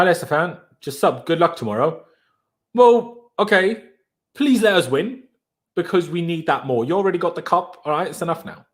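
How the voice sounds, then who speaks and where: A young native German speaker with a German accent hosts a casual football live stream, answering viewer questions in a chatty, animated way. His voice is on the high side.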